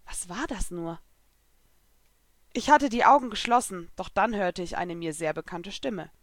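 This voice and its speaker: A woman's voice: lowish voice, unhurried, dry recording. Woman narrating a story expressively. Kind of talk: first-person audiobook narration.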